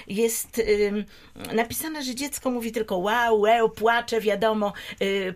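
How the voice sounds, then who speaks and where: Hesitant woman explaining a book. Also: medium pitch. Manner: hesitant, many filler sounds and restarts. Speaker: guest recommending a children's book. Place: studio.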